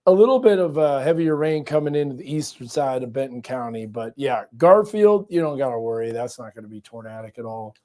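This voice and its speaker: A man hosting a live weather stream, hoarse and raspy with his voice going out, talking through radar and storm cameras in a loose conversational way. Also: mid-range voice, animated, brisk, hardly any pauses, a little mellow. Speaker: meteorologist host.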